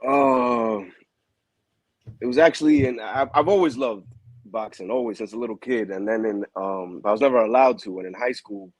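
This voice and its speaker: A man, a boxing manager, talking casually in a relaxed, slangy way. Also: medium pitch, moderate pace, no room sound. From New York. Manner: relaxed, slangy, calls people bro. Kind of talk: casual interview.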